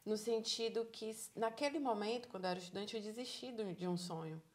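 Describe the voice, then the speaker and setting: This interviewee is a Salvador-born psychologist in her thirties who now lives abroad, and her Bahian Brazilian Portuguese accent comes through clearly. Medium-pitched and a little fast, she tells stories with animation, performing the dialogue she quotes and sounding encouraging throughout the relaxed chat.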